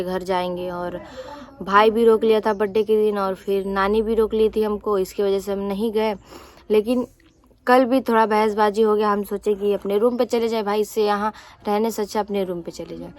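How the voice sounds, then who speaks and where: A young woman vents to her viewers in a loose, casual vlog. She sounds aggrieved and rambles, restarting her sentences and leaning on fillers. Her voice sits at an ordinary pitch for a woman. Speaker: vlogger.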